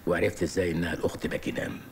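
A man's voice: low voice, flat delivery, rapid-fire, creaky. An actor with an Egyptian accent playing a middle-aged man who exclaims in feigned piety, in comic film style. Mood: mock-pious. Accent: Egyptian Arabic. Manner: mock-pious, exclaiming.

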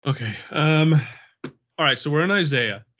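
A man with a slightly high, somewhat bright voice speaks at a measured pace with lively intonation. He guides a Bible study on a video call despite a slight cold, sniffling through earnest, repetitive prayers and relaxed group conversation, captured in dull lo-fi call audio.

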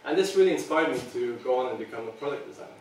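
A Serbian product designer in his thirties races through an earnest presentation for a small audience, hesitating often with ums. His mid-range voice is expressive with a darkish tone. Recorded from afar in a meeting room, there is heavy reverb and a little background noise.

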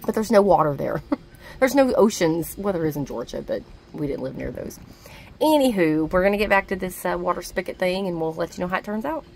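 Woman doing a chatty boat vlog outside, laughs a lot, low-ish voice, bit of background noise. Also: expressive, brisk, gravelly, darkish tone. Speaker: vlog co-host. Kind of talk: casual vlog chat.

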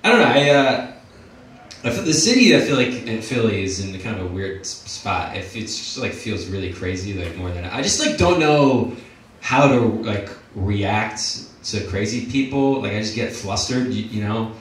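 A young man doing a stand-up set in a comedy club, talking in a halting way with many fillers and restarts. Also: fairly low pitch, animated. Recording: echoey room from far off, crowd laughing.

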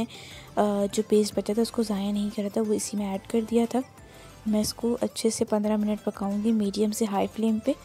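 Speaking in a medium-pitched, dark-toned voice, a woman with a Pakistani Urdu accent runs a cooking channel. She works through a home recipe in her kitchen, describing every step in a plain, instructional way as she goes.

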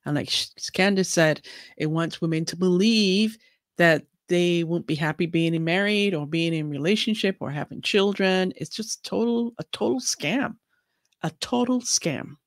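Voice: mid-range voice, normal speed, no echo, clean studio sound. A podcast host agreeing emphatically in a casual discussion.

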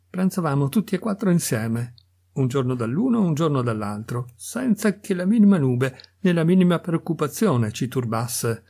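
A man narrates a literary story in a measured, expressive way. His voice is husky and sits at an ordinary middle pitch. He reads like a channel host reading an audiobook. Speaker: reader of audiobook stories.

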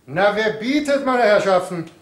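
A coaxing auctioneer. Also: male voice, high voice, lively intonation, a little slow. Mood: coaxing, salesmanlike. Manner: sing-song calling of bids, coaxing. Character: brisk male auctioneer selling old furniture.

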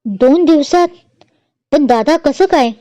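A woman's voice: mid-range voice, steady tone, a little slow, clear, resonant tone, no room sound, natural voice, low-quality recording. A woman storyteller voicing a naive young girl who asks fretful questions. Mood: anxious. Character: naive young girl, quick to get cross.

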